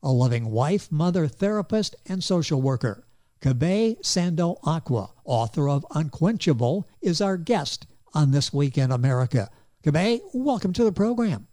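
Man, show host, mellow tone, slightly high pitch, polished delivery. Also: big pitch swings. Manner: polished, warm introductions, reads details slowly. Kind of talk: hosting an interview.

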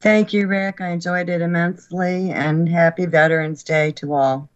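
A woman's voice: lowish voice, fairly even intonation. Older woman, lo-fi taped-off-the-radio sound. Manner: earnest and grateful, with halting restarts. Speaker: guest author. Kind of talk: radio interview.

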